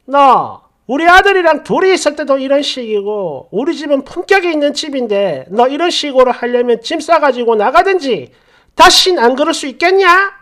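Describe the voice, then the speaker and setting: A man doing a proud, stern middle-aged mother-in-law who talks down and scolds, her voice pitched up high and rising in sharp, clipped bursts as she lays down the law. a storybook figure read aloud, bossy and cold. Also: very animated, moderate pace, few pauses. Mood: scolding. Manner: scolding, haughty.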